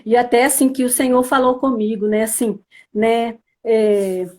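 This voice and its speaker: High-voiced Brazilian woman giving testimony. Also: steady tone, unhurried, darkish tone. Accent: Brazilian Portuguese, Espírito Santo. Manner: earnest storytelling, filled with "né, assim". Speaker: church member giving testimony. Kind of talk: spoken religious testimony.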